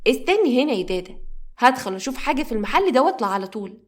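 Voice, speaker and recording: A spoiled young Egyptian girl, higher and more emotional than the teller, as a woman storyteller puts her on. She talks fast and pleads, her voice lifting as she begs. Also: sing-song. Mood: eager. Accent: Egyptian Arabic. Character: young girl, spoiled thief, then remorseful.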